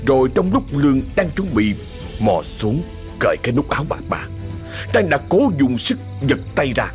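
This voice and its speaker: A man narrating a ghost story in a dramatic, expressive way. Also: mid-range voice, normal speed, faint music behind.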